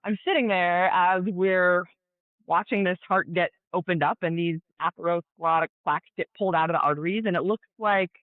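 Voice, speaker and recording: A woman in her thirties from Colorado, a guest telling stories in an animated, chatty way with many fillers. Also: lowish voice, fairly quick, no echo. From Colorado, USA. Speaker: guest, ER nurse and pro athlete. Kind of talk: casual storytelling interview. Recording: tinny phone-like dry audio.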